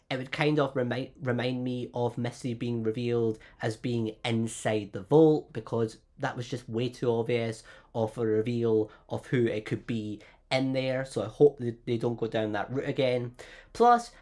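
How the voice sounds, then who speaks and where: Fighting a cold, a YouTube host breaks down fan theories on his channel. His delivery is cheerful and talkative, with frequent rises in pitch.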